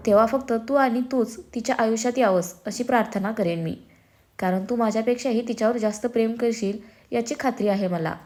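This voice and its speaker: Lady voicing a firm sure-of-himself young guy, ambitious twin, steady and confident. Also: fairly high pitch, a little fast, natural voice. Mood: earnest. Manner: firm, self-assured, gently teasing.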